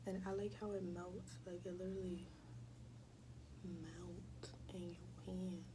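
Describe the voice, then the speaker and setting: A young woman chatting casually in a vlog, often dropping into soft whispers, in a small dorm room. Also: fairly low pitch, flat delivery, unhurried, noisy background. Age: young adult. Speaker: vlogger.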